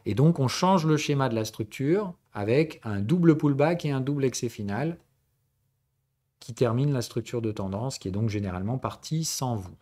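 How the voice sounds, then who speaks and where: Guy from the south of france running a live trading class, chatty, keeps asking ok? d'accord?, mid-pitched voice. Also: animated, moderate pace, darkish tone. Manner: casual, keeps checking in with the audience; conversational tutoring, mixing formal and familiar address. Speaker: trading instructor and stream host. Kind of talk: live-streamed trading lesson, answering chat.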